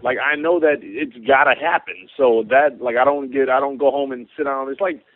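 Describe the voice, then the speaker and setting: Male fighter, mid-pitched, loose rambling slangy talk, heard down a dry, tinny phone line. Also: fairly even intonation, normal speed, no room sound. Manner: colloquial and rambling. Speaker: professional fighter interviewee. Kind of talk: casual conference call interview. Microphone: telephone.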